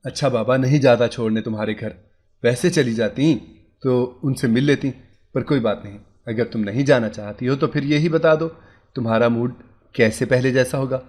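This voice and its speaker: A man voicing a worried, gentle young husband. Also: medium pitch, moderate pace, close to an everyday voice. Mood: coaxing. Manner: anxious musing, soft coaxing. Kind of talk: storybook character voice.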